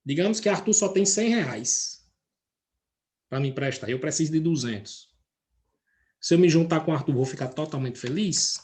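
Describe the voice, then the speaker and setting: A male chemistry teacher speaks from his computer during class, often pausing to address students by name and ask questions, and explains ideas through everyday comparisons. His voice is fairly high, darkish and animated, at a moderate pace with long pauses.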